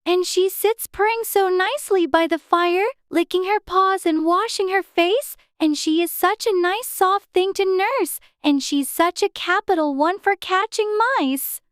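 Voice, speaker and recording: A woman's voice: extremely high pitch, unhurried, few pauses, no room sound, studio quality, pitched above the performer's own voice. A woman voicing a polite, eager little girl with an earnest, childlike manner in a dramatized audiobook. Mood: eager, chatty. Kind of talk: dramatized audiobook character dialogue.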